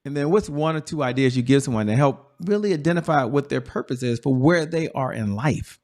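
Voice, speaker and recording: A man's voice: mid-range voice, animated, fairly quick, darkish tone. A man hosting an entrepreneur interview show, enthusiastic and emphatic, repeating words for effect. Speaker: show host. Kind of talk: energetic interview talk.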